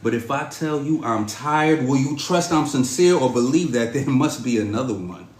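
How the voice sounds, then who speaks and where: A man performing a spoken-word poem to a woman in a measured, dramatic, pleading delivery. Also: mid-range voice, lively intonation, a little mellow. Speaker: podcast host performing a poem. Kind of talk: spoken-word poetry recital. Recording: roomy echo.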